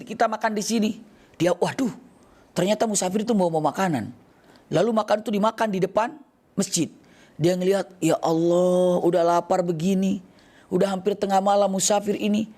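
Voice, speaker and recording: Animated high-voiced male preacher. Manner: animated storyteller acting out characters' lines. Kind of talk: storytelling sermon.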